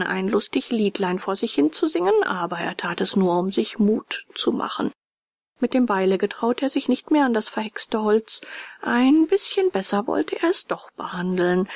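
A woman reading a children's fairy tale aloud in a hushed, half-whispered way. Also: medium pitch, gravelly, slightly rough, no echo. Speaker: narrator. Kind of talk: storybook reading.

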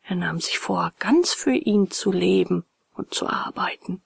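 Husky woman reading a storybook. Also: lowish voice, unhurried, no echo, clean studio sound. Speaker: narrator. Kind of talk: storybook narration.

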